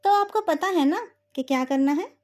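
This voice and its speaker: A woman's voice: extremely high pitch, lively intonation, moderate pace, a little mellow. A woman voicing a polite, scheming sect leader. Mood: smug. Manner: polite but threatening.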